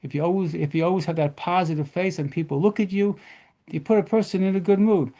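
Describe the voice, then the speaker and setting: A rabbi telling lively stories at a model seder lesson, mixing in Hebrew terms. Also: male voice, high voice, quick pace.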